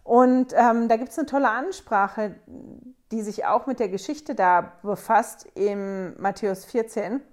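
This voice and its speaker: Woman w a slightly high voice chatting thru a bible story, wondering out loud. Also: unhurried. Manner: conversational, wonders aloud, acts out quotes. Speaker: scripture study host. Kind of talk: casual Bible study talk.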